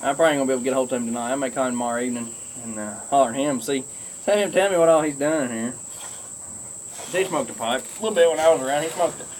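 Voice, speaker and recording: A man with a Southern, rural Kentucky accent talks at an average pitch, smoking his pipe as he goes. His delivery is folksy and unscripted, a loose ramble addressed to viewers. Faint noise and chirping insects sit behind his voice. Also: very fast, darkish tone, low-quality recording. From Kentucky, United States. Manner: folksy, drawling country speech; talking while smoking a pipe. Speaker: pipe-smoking video blogger. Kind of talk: rambling casual chat to viewers.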